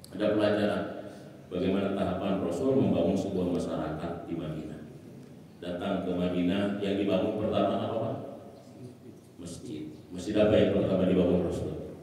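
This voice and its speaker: A man's voice: low-pitched, warm tone, slight background noise. A man preaching a sermon in a mosque, emphatic, asking rhetorical questions and answering them himself. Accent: Indonesian. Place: mosque hall. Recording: echoey hall from far off.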